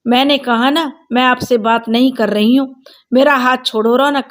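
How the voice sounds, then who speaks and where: A woman voicing an angry young wife in a storybook tale, shouting bitter, sarcastic accusations. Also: high voice, steady tone, normal speed, natural voice.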